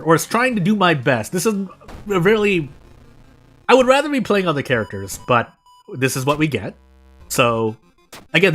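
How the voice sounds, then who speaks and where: A fairly high-voiced American man streams a game while music plays faintly in the background. His casual live commentary rambles loosely from thought to thought, with frequent mid-sentence self-corrections, and his tone is fairly bright.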